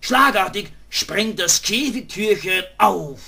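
A man's voice: high-pitched, expressive, takes it slowly, creaky, pushed and bright, slightly rough. A man narrating a comic animal sketch in plain storytelling style.

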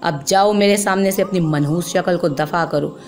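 A woman's voice: on the low side, moderate pace, faint music behind, close to an everyday voice. Woman voicing a harsh, short-tempered father. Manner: harsh, nearly shouting.

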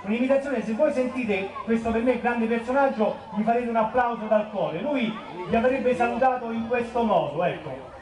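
On an echoey outdoor piazza stage, heard from far off over a crowd, a man from Rome in his forties performs meandering cabaret stand-up. He's talkative and leans heavily on fillers, speaking with a Roman accent. His voice is very high-pitched with lively intonation at normal speed.

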